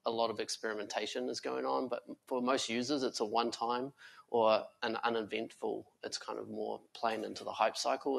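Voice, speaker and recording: Recorded roughly, a man with a lowish, creaky, slightly bright voice speaks as a guest on a conference panel. The tech company founder addresses an audience from the stage, earnest and stumbling through fillers and restarts.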